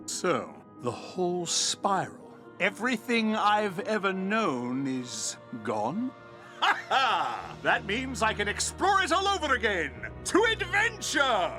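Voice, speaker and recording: A man's voice: high-pitched, huge pitch swings, takes it slowly, sharp tone, soft background music, full character voice. A man playing a boastful old-fashioned explorer hero in a video game, pompous, theatrical and given to exclaiming. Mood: bombastic, surprised. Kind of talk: video game character acting.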